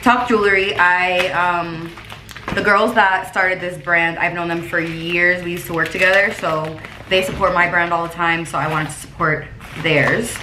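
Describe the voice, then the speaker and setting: A woman's voice: fairly low pitch, steady tone, measured pace. Young woman with a lisping, whistled s. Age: young adult. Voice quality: lisp with whistling s sounds. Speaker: vlogger. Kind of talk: casual chatty vlog. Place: rooms inside a house. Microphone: camera mic at about arm's length. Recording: echoey room with clear background noise.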